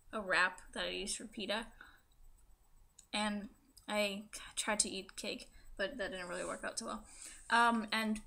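A woman's voice: mid-range voice, bright, forceful tone. A young woman chatting casually and hesitantly to camera with lots of "like", her speech slightly affected by a new tongue piercing. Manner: hesitant, filler-heavy, peppered with "like". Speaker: vlogger. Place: small room indoors.

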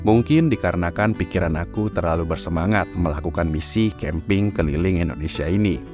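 A man narrating his travel vlog in a calm, reflective scripted voice-over. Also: sits low, fairly quick. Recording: voice-over over loud music.

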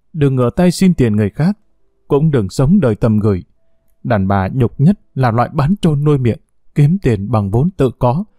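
A man's voice: mid-range voice, warm tone, dry recording, clean studio sound, natural voice. A man voicing a furious, contemptuous middle-aged mother who scolds her children.

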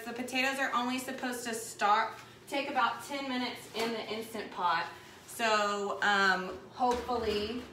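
A woman, hosting a live cooking demonstration in her home kitchen, chatting and rambling as she works. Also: fairly high pitch. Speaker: cooking show host. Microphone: camera mic at a distance across the counter. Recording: echoey kitchen with background noise.

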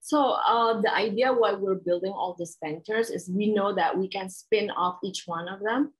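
A woman's voice: mid-range voice, moderate pace, poor audio. A middle-aged woman, a guest entrepreneur explaining her businesses in a casual interview over a video call, listing things with many fillers. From Indonesia. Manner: explanatory, with frequent fillers and lists. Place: home room.

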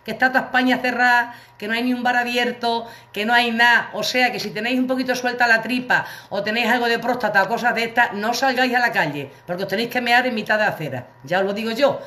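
Bright-voiced woman telling a story. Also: on the high side, fast, few pauses. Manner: chatty, colloquial, comic anecdote with acted quotes. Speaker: livestream host. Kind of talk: casual storytelling to viewers. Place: her living room.

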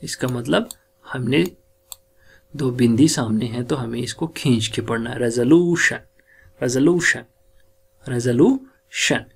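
A man teaching English word stress, sounding out words slowly syllable by syllable and mixing Hindi with English. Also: medium pitch, gravelly, darkish tone, breathy edge. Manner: mixes Hindi and English in explanations. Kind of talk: classroom lecture on word stress.

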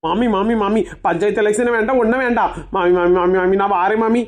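A woman's voice: mid-range voice, fast, close to an everyday voice. A woman with a Kanyakumari Tamil accent playing a young, argumentative daughter-in-law in a comic family sketch. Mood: bickering. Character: young sulky daughter-in-law, quick to argue.

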